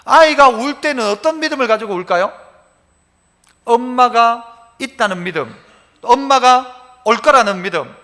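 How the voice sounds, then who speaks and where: A man's voice: very high-pitched, bright, forceful tone, big-room sound. A male pastor, preaching a sermon in a church sanctuary in a conversational way, asking the congregation many questions.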